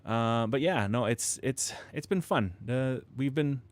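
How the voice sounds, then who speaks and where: Speaking in a mid-range voice at a measured pace, a man streams live from home while assembling model kits. He rambles to his viewers, restarting sentences, using plenty of fillers and chuckling a lot. His close studio microphone adds proximity effect.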